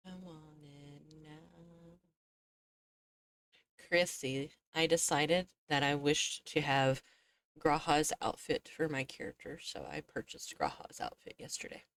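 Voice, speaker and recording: A woman's voice: deep voice, measured pace. Sleepy, yawning woman streamer. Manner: relaxed, chatty, laughs often. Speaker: VTuber streamer. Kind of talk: casual chat with stream viewers.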